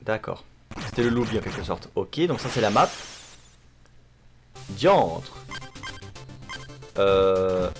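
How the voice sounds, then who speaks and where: Animated man commentating a video game. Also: fairly low pitch, takes it slowly, pauses often. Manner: sweary, self-mocking asides. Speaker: gamer commentating a playthrough. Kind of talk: casual gameplay commentary. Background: game music.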